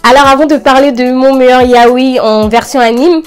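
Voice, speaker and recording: A young woman with a fairly high voice hosts a casual recommendation video. She talks like an enthusiastic anime fan, chatty and full of informal slang. Light music plays behind her. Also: fairly even intonation, normal speed, clear, resonant tone. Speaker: anime review channel host.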